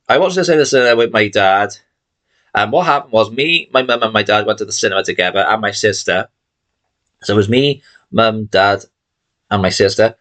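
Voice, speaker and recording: A weary man in his thirties talks his way through a shelf of films in a loose, rambling ramble, correcting himself and tossing in the odd swear. His voice sits at an ordinary middle pitch, and he sounds tired and sleepy, as if it is late at night. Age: 30s. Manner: rambling, chatty, swears casually, self-correcting. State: tired and yawning. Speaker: collection vlogger. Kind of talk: casual chat showing a film collection.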